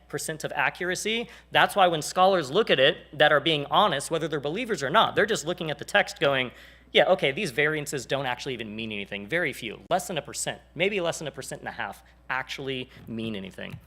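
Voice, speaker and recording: A man in his forties leads a church class, speaking in a relaxed, joking way. His voice sits a bit high for a man. He slips into little acted voices when he quotes people. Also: brisk. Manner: animated, jokey, acts out quoted people. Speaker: church teacher. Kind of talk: casual teaching talk.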